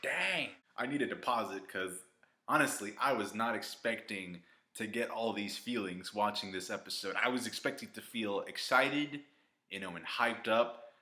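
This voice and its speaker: A man giving live reaction commentary on an anime episode, exclaiming and cheering at the screen, then reviewing more calmly. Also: on the low side, moderate pace. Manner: calmer reflective review toward the end.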